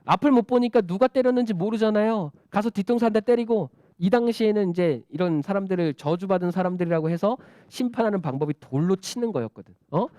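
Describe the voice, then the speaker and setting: Children's preacher, high lively voice, mellow tone, dry close sound. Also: male voice, quick pace, hardly any pauses, dry recording. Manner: animated, asking the children questions. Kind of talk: storytelling sermon for children.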